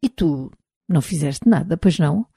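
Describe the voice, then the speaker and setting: A woman's voice: low-pitched, lively intonation, moderate pace, warm tone, husky, no room sound, studio quality, exaggerated voice. A woman doing a stern robot psychologist. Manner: firm, questioning, restrained. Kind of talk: audiobook character reading.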